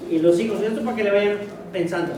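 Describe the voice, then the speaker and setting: A man's voice: sits high, quick pace, far from the mic, a crowd in the background. A man preaching a sermon as pastor, emphatic and urging listeners to pay attention. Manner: emphatic, keeps telling listeners to listen closely. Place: church. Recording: very echoey church hall from afar.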